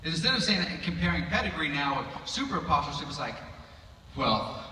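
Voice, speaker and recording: This man preaches casually in a chapel, his voice on the high side, animated, fast, pushed and bright. Between scripture readings he makes joking, sarcastic asides. Recorded from far off on an audience member's phone, the sound is echoey with slight background noise.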